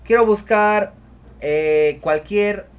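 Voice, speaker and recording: A man's voice: high-pitched, very slow, a little hiss or hum. Chatty man teaching spreadsheets. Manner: chatty, repeats "miren" and "a ver", talks while clicking. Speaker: spreadsheet tutorial host. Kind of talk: screen-recorded software tutorial.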